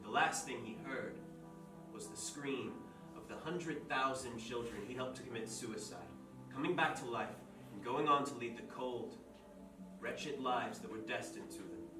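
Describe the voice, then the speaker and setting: An actor playing a writer who tells a dark fairy tale aloud in a measured, deliberate way, in a stage play. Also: male voice, mid-range voice, close to an everyday voice. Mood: somber storytelling. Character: grim storyteller telling a dark fairy tale. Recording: echoey stage from far off, with music.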